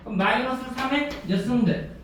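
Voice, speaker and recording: A male teacher lectures a class, constantly firing short check questions at his students. His voice sits high for a man. He is caught from a distance in a strongly echoing classroom. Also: normal speed, a bit bright, slight background noise. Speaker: math teacher.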